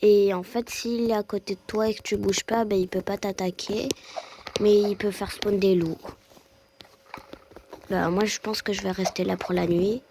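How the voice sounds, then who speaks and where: A young woman giving casual gameplay commentary, hesitant with fillers, often exclaiming and repeating words when excited. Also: mid-range voice, normal speed, gravelly, noisy background. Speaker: gaming youtuber.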